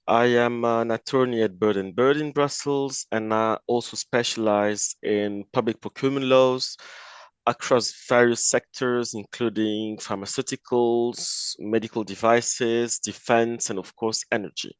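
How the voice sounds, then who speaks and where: Measured man with a French accent. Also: medium pitch, steady tone, clean tone, dry recording. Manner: measured, slightly hesitant with fillers. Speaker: lawyer presenting. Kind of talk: webinar presentation.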